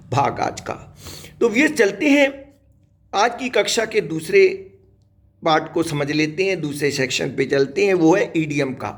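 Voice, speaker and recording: Man, English teacher, high voice, unhurried, spells words letter by letter. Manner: slow, spells words letter by letter, addresses viewers as dear children. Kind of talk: spoken English lesson.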